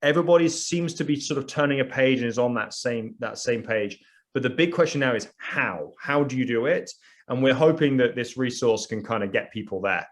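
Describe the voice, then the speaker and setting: A man's voice: medium pitch, a little fast. British guy on a panel, chatty, lots of um and you know. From United Kingdom. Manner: conversational, frequent fillers and restarts. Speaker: sociologist, panel guest. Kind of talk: panel discussion answers.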